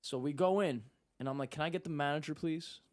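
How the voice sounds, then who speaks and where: A man's voice: a little high, a little fast. A young man telling a story in casual talk, acting out what people said. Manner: animated, acts out quotes. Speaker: guest.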